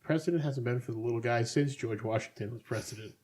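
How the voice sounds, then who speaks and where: A man's voice: mid-range voice, quick pace, a little mellow. A man co-hosting a casual podcast, rambling with sardonic asides. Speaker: podcast co-host. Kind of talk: casual chat.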